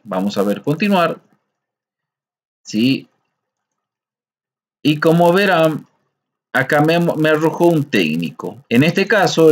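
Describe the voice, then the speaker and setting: A man teaching a screen-recorded coding lesson, explaining patiently step by step and often checking in with listeners. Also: a little high.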